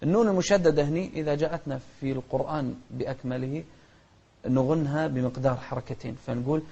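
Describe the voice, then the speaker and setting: A man with a Gulf Arabic accent teaching children Quran recitation. He explains each rule of pronunciation, then chants the verse slowly and melodically, setting the wrong sound against the right one. His voice is warm and mellow, and the recording sounds a little dull and lo-fi. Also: medium pitch. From Kuwait. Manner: corrects mispronunciations by contrast. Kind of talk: tajweed lesson for children.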